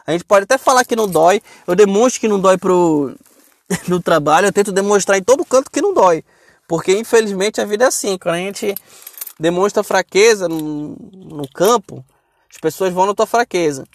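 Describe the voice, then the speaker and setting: A man's voice: high voice, no echo, clean studio sound. A young man speaking in a casual monologue, blunt and profane, rambling and repeating himself.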